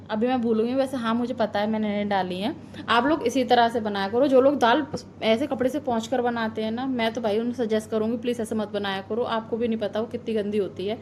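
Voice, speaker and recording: Chatty high-voiced mother vlogging at home. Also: darkish tone, a little hiss or hum. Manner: chatty, homely, advice-giving, drifting into heartfelt reflection. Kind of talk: casual vlog voice-over.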